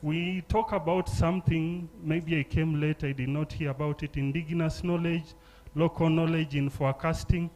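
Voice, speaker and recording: A man's voice: fairly high pitch, fairly even intonation, a little mellow. Earnest Ugandan man at a mic. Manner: earnest, measured, with fillers. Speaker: audience member commenting. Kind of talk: conference floor comment. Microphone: handheld mic.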